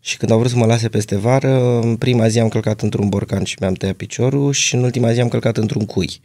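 A man's voice: mid-range voice, fairly even intonation, darkish tone, dry recording. A man from Romania, a podcast guest, answering in short, laid-back sentences with dry humor. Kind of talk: casual podcast conversation.

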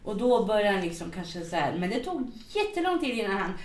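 A woman's voice: medium pitch, sing-song, far from the mic, a little hiss or hum. A middle-aged woman co-hosting a podcast, chatting casually and rambling with lots of fillers. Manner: rambling, full of fillers like "liksom". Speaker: podcast co-host. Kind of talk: casual chat. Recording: roomy echo, away from the mic.

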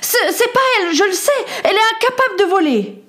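Woman voicing a young cabin boy, scared, stammering, high pitched, storybook. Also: unhurried, a little mellow. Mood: protesting. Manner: stammering, pleading.

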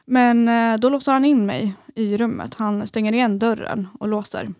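Young woman podcast guest, gravelly voice, dry close sound, halting and full of fillers. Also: a little high, fairly even intonation, darkish tone, dry recording. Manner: hesitant, many fillers, speeds up and slows down. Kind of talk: personal story in casual conversation.

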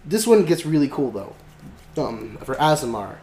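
Very animated and speaking at normal speed, this man has a slightly high voice with a dark tone. He hosts a podcast, chatting loosely about a tabletop game with lots of fillers and restarts, in an echoey space with faint noise.

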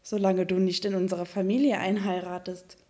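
A woman's voice: lowish voice, little pitch movement, normal speed, warm tone, natural voice. A woman voicing condescending wild ducks in a fairy tale.

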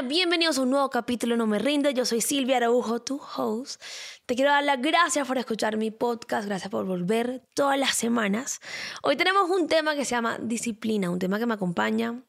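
A young woman hosting her own podcast, chatting in an expressive way and repeating words for emphasis. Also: on the high side, creaky. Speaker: podcast host. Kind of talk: casual solo podcast talk.

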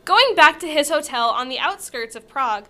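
A woman's voice: high voice, expressive, moderate pace, sharp tone. A woman reading a silly story aloud with a co-host, stumbling over words and giggling often. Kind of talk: comedic reading with banter.

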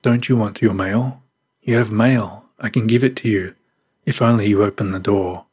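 A man voicing a deranged adult male stranger who demands and threatens, with a husky voice. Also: on the low side, normal speed, darkish tone. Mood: coaxing.

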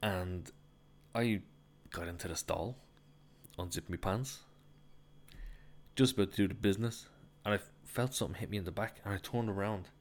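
An Irish man with a very low, deep voice tells a travel story straight to camera. He talks in a loose, chatty way, curses freely and laughs at his own embarrassing moments. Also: moderate pace, pauses often. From Ireland. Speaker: travel vlogger. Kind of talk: casual anecdote to camera.

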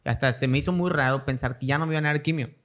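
A young adult man with a Mexican Spanish accent appears as a guest in a casual interview, telling his story as a cancer survivor and acting out the voices of the people in it. His voice is slightly high and fairly bright, and he talks at a racing pace.

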